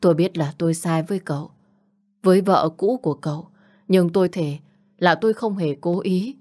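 A woman's voice: lowish voice, normal speed, a little mellow, close to an everyday voice. A woman voicing a remorseful old father who pleads humbly, in an audiobook story. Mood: pleading.

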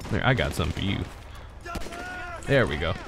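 A man giving casual gameplay commentary as a streamer, with excitable, joking, swearing reactions. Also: sits low, fairly quick, noisy background. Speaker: gaming streamer.

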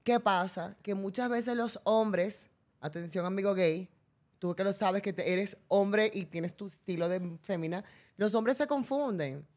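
Venezuelan woman, radio host, mid-pitched voice, teasing and playful with her questions. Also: a little slow, darkish tone. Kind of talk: casual chat. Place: radio studio.

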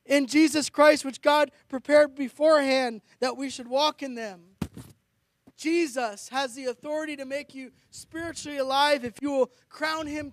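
A dry recording captures a middle-aged man's very high-pitched voice as he preaches a sermon as a pastor, reading scripture earnestly and declaiming. He is outdoors on a high ledge in a blizzard, with a handheld or stand microphone close to his mouth.

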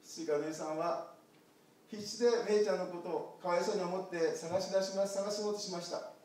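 A man, a pastor telling a picture-card story to children in a church, animated and asking them questions. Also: high-pitched, fast. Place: church sanctuary. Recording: echoey church hall from far off.

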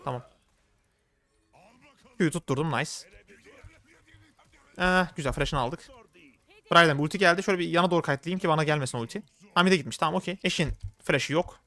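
A man's voice: on the high side, a little fast, pauses often, bright, forceful tone, dry recording. A male gaming streamer giving chatty live gameplay commentary, thinking aloud and flaring up in frustration.

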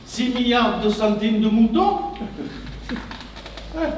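A man on stage playing a bumbling, dim-witted male accomplice who hesitates, stammers and fills every pause with bemused little "ah"s. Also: extremely high pitch, lively intonation, slight background noise, heavily acted. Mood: flustered. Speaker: stage actor. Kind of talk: amateur stage comedy. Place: theatre stage. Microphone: distant room mic. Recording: echoey theatre hall from far off.

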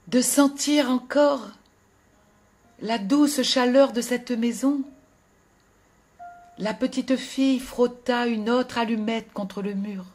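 A woman narrating a fairy tale in a gentle, expressive storytelling voice that drops to a hush at sad moments. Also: fairly high pitch. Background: faint music.

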